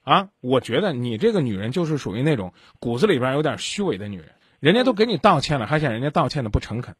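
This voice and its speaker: A man's voice: medium pitch, big pitch swings, quick pace, breathy edge, no room sound, studio quality. Blunt male radio advice host. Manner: blunt, lecturing, argumentative. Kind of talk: call-in advice talk.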